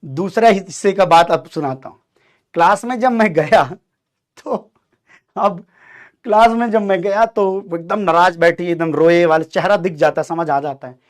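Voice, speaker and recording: A young man telling a childhood story in a casual, animated way, acting out the voices of people in it and often laughing. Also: high voice, moderate pace.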